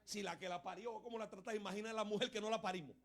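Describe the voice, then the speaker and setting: A man from Venezuela, preaching a sermon in an animated storytelling style, often calling out "hermano" and "pastor". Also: high-pitched, very fast. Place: church.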